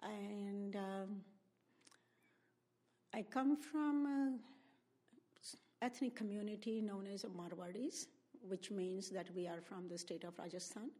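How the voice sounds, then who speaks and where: A woman's voice: medium pitch, slow, pauses often, mellow. A woman in her seventies from India with an Indian accent, recalling her family's story in an oral history interview at a library. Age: 70s. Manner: reflective, spells out names letter by letter. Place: public library room.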